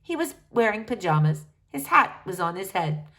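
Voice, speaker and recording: This is a woman telling a children's story aloud, expressive in delivery, with a mid-range voice moving at a moderate pace.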